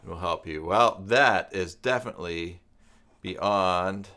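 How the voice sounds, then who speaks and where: A middle-aged man, a self-employed web tutor, hosts a casual live stream in a low-pitched, slow voice with a sharp tone. He rambles and thinks aloud while reading and chatting with viewers.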